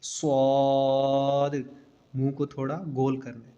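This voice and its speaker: A man teaching the Arabic alphabet for Quran reading, drawing out each letter name slowly and adding short spoken instructions between them. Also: mid-range voice, completely flat delivery, mellow. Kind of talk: letter-by-letter recitation lesson. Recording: dull lo-fi recording.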